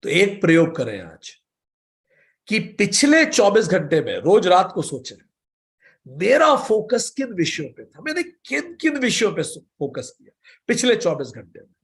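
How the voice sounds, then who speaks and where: A man gives a spiritual lecture as a yoga teacher, in a fairly high voice. He guides listeners with questions and stories. He recites the sutras slowly and deliberately. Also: huge pitch swings. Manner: slow, measured recitation of sutras.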